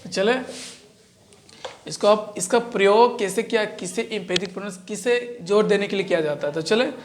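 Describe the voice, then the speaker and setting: A woman's voice: mid-range voice, slight background noise. A woman teaching English grammar in a classroom style, repeating each point and answering her own questions. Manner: repetitive, answers own questions, drawn-out words.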